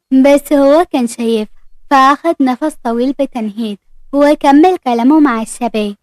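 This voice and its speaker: A woman's voice: sits high, no room sound. An Egyptian woman narrating a romantic story and reading every character's lines herself. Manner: reads every character herself with small voice changes.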